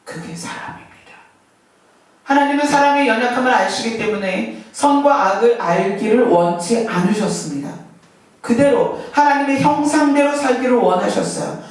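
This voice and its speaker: A woman's voice: on the high side, moderate pace. Woman preaching in an echoey hall. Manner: animated preaching with rhetorical questions. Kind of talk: sermon. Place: church sanctuary. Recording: echoey hall, mic from far off.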